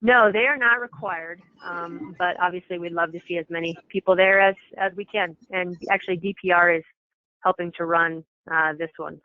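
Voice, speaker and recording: This coordinator's mid-range voice moves at normal speed with fairly even intonation while briefing coaches informally on a conference call. The meeting presentation is explanatory and matter-of-fact, and the phone line sounds tinny and echoey.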